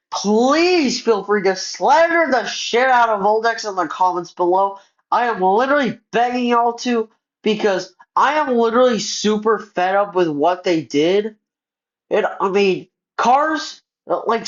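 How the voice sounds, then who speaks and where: A man, a gaming YouTuber, ranting in casual commentary, frustrated, filling his talk with "like" and stumbling over words as he restarts them. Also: very high voice. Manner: frustrated, heavy on filler words. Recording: muffled lo-fi audio.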